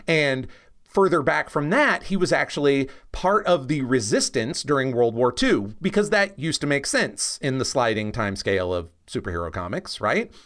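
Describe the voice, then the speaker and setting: Offering laid-back, opinionated explanations, a man who co-hosts a podcast and knows comics well keeps checking in with his listener. He speaks at a medium pitch with a slightly bright quality.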